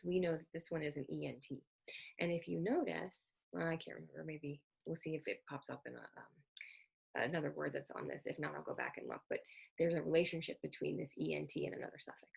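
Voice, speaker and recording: A woman delivering a recorded slide lecture on words, her voice a little low and gravelly with a husky edge. She explains step by step, spells out letters and corrects herself as she goes. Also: brisk, a little mellow. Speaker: literacy educator presenting slides.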